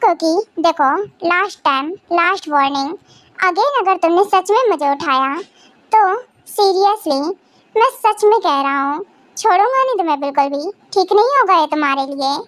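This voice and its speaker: Woman voicing a tired grumbling young husband, high voice, fan audio drama. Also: lively intonation, normal speed, fairly bright tone, no echo. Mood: exasperated. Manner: grumbling, scolding then soothing. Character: sleepy, exasperated young husband, doting.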